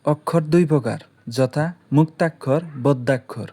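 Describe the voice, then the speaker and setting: A man gives an online lesson at an ordinary mid pitch. He explains step by step and patiently, slowing down to sound out syllables one at a time. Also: warm tone. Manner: slow, patient explaining, drawing out syllables as examples. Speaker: teacher.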